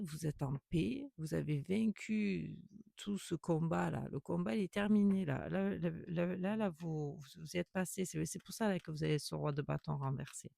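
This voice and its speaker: Guy doing a tarot reading, gravelly and kinda dark sounding, reassuring, lots of "heu", dry close sound. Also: a little high, no echo. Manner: reassuring, repetitive, many fillers and restarts. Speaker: tarot reader. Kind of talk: tarot reading addressed to a viewer.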